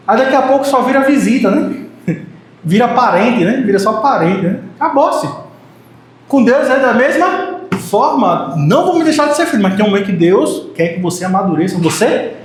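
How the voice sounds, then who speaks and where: Brazilian pastor, high voice, playful preaching, heavy church-hall echo. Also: male voice, normal speed. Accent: Brazilian Portuguese. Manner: animated, joking with the congregation, acts out short quotes. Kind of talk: sermon. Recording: very echoey church hall, faint noise.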